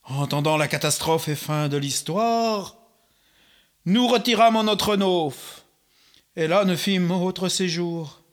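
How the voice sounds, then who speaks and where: A man reading aloud an old Renaissance tale in a slow, declamatory, theatrical way. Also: high-pitched. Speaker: reader.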